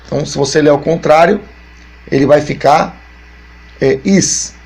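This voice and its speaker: A man's voice: on the high side, fairly even intonation, a little mellow, breathy edge. A man with a Brazilian Portuguese accent, a pastor giving a Bible teaching lesson, explaining step by step and repeating his points. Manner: explains slowly and repeats points, many fillers.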